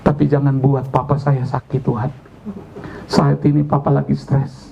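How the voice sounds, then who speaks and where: A hungry young child prays earnestly for his father, soft and a little gravelly, as a male preacher voices him. The tone stays hushed and sincere throughout. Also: medium pitch, level tone, moderate pace, muffled recording, a little hiss or hum, pitched below the performer's own voice, lightly acted.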